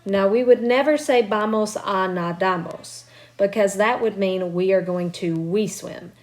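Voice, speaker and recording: A woman's voice: mid-range voice, unhurried, a little mellow. A woman teaching a recorded remote grammar lesson from her home. She explains patiently, step by step, and encourages her students. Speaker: Spanish teacher. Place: at home with children nearby.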